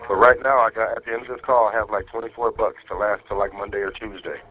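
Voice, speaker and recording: Inmate on a prison phone, low voice, tinny line, slangy and affectionate. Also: male voice, fairly even intonation, fast. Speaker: jail inmate calling his wife. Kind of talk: casual phone chat. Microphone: jail phone handset.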